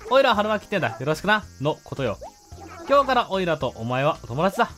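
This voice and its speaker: A man's voice: high voice, very animated, quick pace, fairly bright tone, pitched above the performer's own voice. A man voicing a breezy, friendly boyish animal villager. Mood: cheery.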